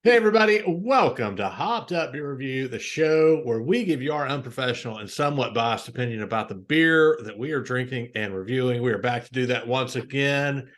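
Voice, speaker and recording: A man hosts a casual beer review show, introducing guests and chatting over drinks. His voice sits in a middle register. He talks in an unhurried, easygoing way with plenty of filler words. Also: medium pitch. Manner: relaxed, easygoing, frequent "uh" fillers. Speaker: podcast host.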